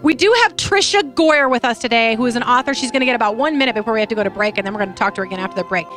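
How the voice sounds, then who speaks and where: A woman's voice: a little high, rapid-fire, fairly bright tone, faint music behind. A woman hosting a talk show. She chats casually through a news story, tells it with a lot of emotion and often restarts her sentences.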